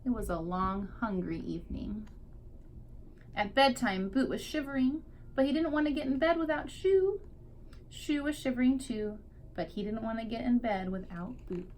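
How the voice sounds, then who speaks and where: With a slightly high, darkish-toned voice at a moderate pace, a woman teacher reads a picture book expressively to young children, stretching out important words. A faint hiss or hum can be heard.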